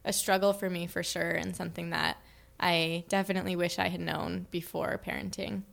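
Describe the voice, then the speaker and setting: Candid young mom with gravelly tone. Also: female voice, lowish voice, level tone, fairly quick, a bit bright. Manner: reflective, candid, many fillers. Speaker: parent guest on a panel. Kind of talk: casual chat.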